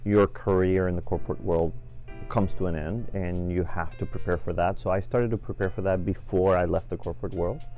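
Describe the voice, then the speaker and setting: A middle-aged man from Venezuela, a franchise business owner answering interview questions in a measured way, with many fillers and restarts. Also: low-pitched, darkish tone.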